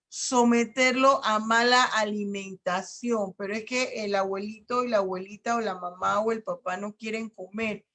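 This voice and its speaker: Panamanian lady law prof, slowish and a bit high, reads out the articles then explains them plainly. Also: fairly bright tone. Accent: Panamanian Spanish. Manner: explains by reading articles aloud and giving everyday examples. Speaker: law professor. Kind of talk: online law lecture.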